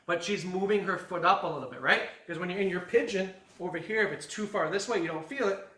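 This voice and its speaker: In a fitness studio, a male coach leads a guided stretching class, cracking jokes and counting down in an upbeat way. His voice is high-pitched, fast, bright and forceful. The sound is roomy, picked up by a distant mic.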